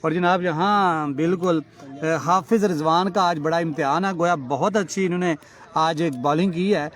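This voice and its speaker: A man giving lively, joking live commentary at a local cricket match, tossing in English cricket phrases. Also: on the high side, moderate pace. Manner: excitable, jokey, mixes English cricket phrases. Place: outdoor cricket ground. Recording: loud crowd around the mic. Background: crowd.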